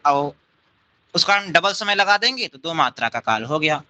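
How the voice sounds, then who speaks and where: A man teaching Sanskrit grammar in an unhurried lecture, explaining each term step by step, repeating it, and checking with his class through quick questions. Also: high voice, bright, forceful tone, low-quality recording.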